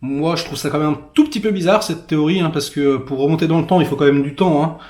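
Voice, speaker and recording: Man, film critic, sarcastic crude rant, filler-heavy, slightly high voice, roomy echo. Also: fast, darkish tone. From France. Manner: vulgar, sarcastic, many fillers. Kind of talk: casual rant-style movie review.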